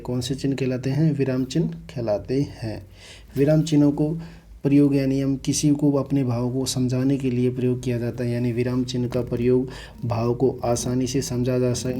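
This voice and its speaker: A man leads an online exam-prep grammar class. His voice is mellow and dark, and his pitch stays flat and level. He repeats himself often and asks rhetorical questions that he answers himself. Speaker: Hindi grammar teacher.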